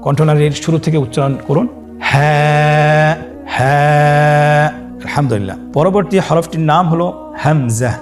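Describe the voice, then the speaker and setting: A man's voice: on the high side, lively intonation, darkish tone, faint music behind. A man teaching Quran reading step by step, stretching each letter name for listeners to repeat. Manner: drawn-out, sung letter names for listeners to repeat. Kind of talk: scripted lesson on Arabic letters.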